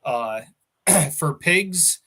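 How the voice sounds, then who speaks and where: A man's voice: on the high side, lively intonation, very slow, bright, forceful tone, slightly rough. Casual rambling farmer man. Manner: rambling, storytelling, laughs often. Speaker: farmer guest. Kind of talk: casual chat.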